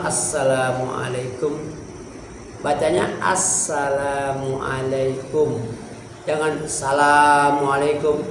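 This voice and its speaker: A male religious teacher, his fairly high voice echoing around a small prayer hall. He explains a text line by line and speaks straight to the men in the congregation. A faint hiss sits under the recording. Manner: explains a text line by line, acts out examples, talks to the congregation as "Pak". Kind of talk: religious study lesson. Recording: echoey room with faint background hiss.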